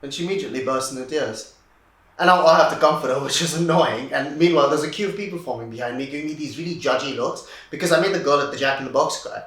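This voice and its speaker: A man's voice: a little high, quick pace, a bit bright, lightly acted. A man playing a wry grieving young man. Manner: rambling, wry, laughing through grief. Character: wry young man just after his mother's death. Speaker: actor in a showreel scene. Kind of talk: comic monologue. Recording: echoey room.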